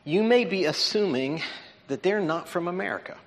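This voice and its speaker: In a large auditorium with long reverb, a man delivers a sermon lesson in a high-pitched voice with lively intonation at a moderate pace. He explains conversationally and checks in with his listeners along the way.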